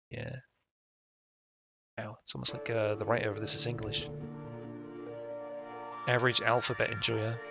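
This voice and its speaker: Over game music, a man with a creaky, mid-range voice live-streams a game, reading its text aloud. He tosses in casual, profane, offhand comments as he goes.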